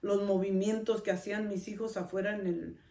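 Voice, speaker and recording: A woman's voice: medium pitch, steady tone, brisk, warm tone, distant mic. Middle-aged woman, podcast host, chatty personal storyteller, recorded off-mic in a roomy space. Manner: conversational, often adds a questioning tag to her sentences. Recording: roomy sound, speaker off-mic.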